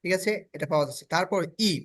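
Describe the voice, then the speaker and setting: A man's voice: high-pitched, fairly even intonation, rapid-fire, a bit bright. A Bangladeshi man whose first language is Bengali, teaching a step-by-step phonics lesson, drilling letter sounds and checking in with students often. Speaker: spoken English teacher.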